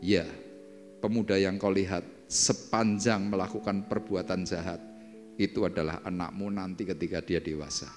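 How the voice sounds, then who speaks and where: A calm, tender divine voice, as a male preacher puts it on, low and gentle. It speaks quietly. The words echo through a church hall over soft music. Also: moderate pace, lightly acted. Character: gentle loving God speaking to a widow.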